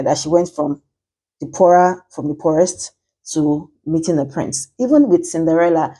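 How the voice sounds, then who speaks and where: A woman's voice: on the low side, mellow, breathy edge. A woman, a matchmaker ranting chattily and with exasperation in a vlog.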